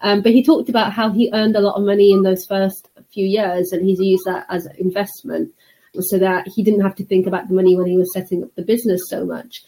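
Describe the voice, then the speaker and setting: A woman with a dark, mellow voice hosts a conversational interview. She speaks at a medium pitch and reflects at length as she leads into questions. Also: little pitch movement, a little fast, poor audio. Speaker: podcast host and interviewer.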